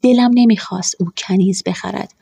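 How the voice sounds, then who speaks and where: A woman narrating a first-person story in a calm, measured way. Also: mid-range voice, vocal fry, slightly rough, no echo. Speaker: audiobook narrator.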